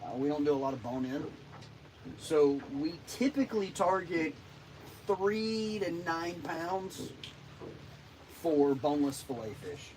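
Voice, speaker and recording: A man's voice: a little high, expressive, takes it slowly, pauses often, a little mellow, a little hiss or hum, low-quality recording. A man, a fishing vlogger chatting and joking casually on a boat outdoors. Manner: joking, drawling, tells corny jokes. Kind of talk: casual livestream chat. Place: outdoors on a boat on a lake in the rain.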